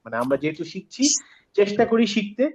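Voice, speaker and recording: Patient male tutor, slightly high voice, muffled call audio. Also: big pitch swings, a little mellow. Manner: patient, repeats sounds slowly, asks students questions. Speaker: Quran recitation teacher. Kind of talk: online class lesson.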